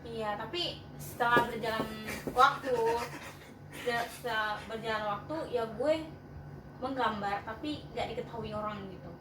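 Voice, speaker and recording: A woman's voice: a little high, steady tone, normal speed, loud music behind the voice. A woman with a Jakarta Indonesian accent talking casually in a group chat. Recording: echoey room, distant mic, clear noise.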